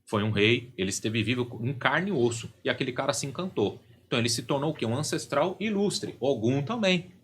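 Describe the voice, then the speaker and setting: Chatting casually in a studio, a middle-aged man who is a religious leader and podcast guest explains at length, continually adding "né?" and "entende?", checks like "right?" and "you know?". His medium-pitched voice is lively, brisk and a bit bright, with hardly any pauses and a little hiss or hum in the audio.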